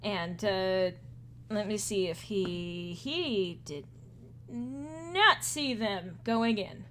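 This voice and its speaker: A woman narrating a tabletop game as game master, relaxed and chatty, often laughing. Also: mid-range voice, drawn-out words, a little hiss or hum.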